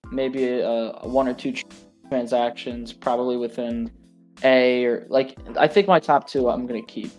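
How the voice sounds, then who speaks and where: A man's voice: mid-range voice, steady tone, measured pace, darkish tone, soft background music. A man co-hosting a casual podcast, joking and teasing crudely, with hesitant fillers. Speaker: podcast co-host. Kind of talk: casual chat.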